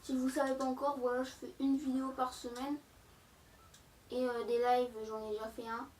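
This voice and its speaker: A young gaming YouTuber with a slight cold and sore throat chats to her viewers through a game, using lots of fillers in casual commentary. Her voice is high and a little mellow, with little pitch movement and a moderate pace. The rough recording is echoey, with a distant mic and slight background noise.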